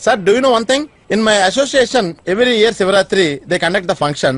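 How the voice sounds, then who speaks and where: An actor playing a comic sidekick who protests and boasts under police questioning. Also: male voice, high-pitched, expressive, takes it slowly, no room sound, exaggerated voice. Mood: boastful. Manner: bewildered, protesting, self-praising. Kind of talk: film comedy acting.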